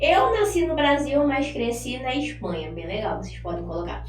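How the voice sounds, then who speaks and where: A woman with a fairly high voice leads an English lesson, chatty and encouraging, slowing down to drill phrases for repetition. She stands off the mic in an echoey room, with a faint hum behind her. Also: sing-song, far from the mic. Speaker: English teacher.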